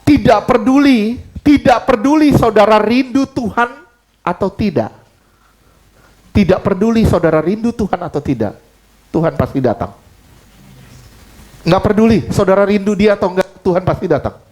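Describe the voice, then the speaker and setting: High-voiced preacher, emphatic. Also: male voice, expressive, moderate pace, long pauses, a little mellow. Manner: emphatic, asks the congregation questions, mixes in Jakarta slang. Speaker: pastor. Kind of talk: sermon. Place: church.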